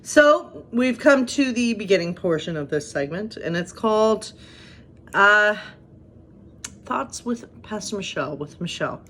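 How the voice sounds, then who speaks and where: A woman's voice: mid-range voice, a bit bright. A woman pastor in her thirties, who talks in a chatty, self-deprecating way with light humor, moving between casual devotional talk and reading aloud. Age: 30s.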